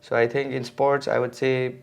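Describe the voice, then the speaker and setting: A gravelly, medium-pitched male voice with a level tone and moderate pace: an Indian mountain bike racer in his 20s, appearing as a podcast guest. He talks casually but hesitantly, full of fillers and restarts.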